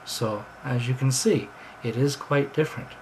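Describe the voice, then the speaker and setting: A man's voice: medium pitch, normal speed, a little hiss or hum, poor audio. An American man telling rambling, chatty stories in a casual monologue. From United States. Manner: rambling, chatty, drifting between anecdotes. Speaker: vlogger.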